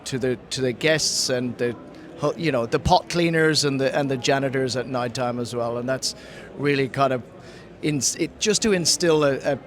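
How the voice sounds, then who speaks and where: On a trade conference floor, with a busy crowd behind him, a man who sells to the mining industry gives a casual interview. He has an Irish accent but grew up in Ghana, and he often restarts sentences while searching for words. His mid-range voice moves at a moderate pace.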